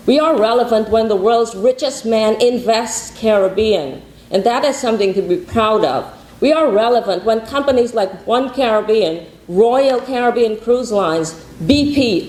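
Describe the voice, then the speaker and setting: A woman's voice: fairly high pitch, darkish tone. A woman from Guyana giving rousing, repetitive rallying opening remarks as a conference founder. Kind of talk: conference speech. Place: conference hall. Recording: echoey conference hall.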